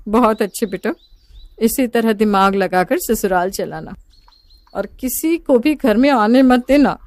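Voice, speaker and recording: A woman's voice: on the high side, animated, unhurried, darkish tone, dry recording. A woman playing a middle-aged mother who lectures her daughter in a bitter, reproachful way. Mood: approving.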